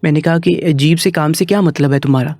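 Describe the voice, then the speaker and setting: A man narrating a written first-person story in a steady, even reading manner. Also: on the high side, no room sound.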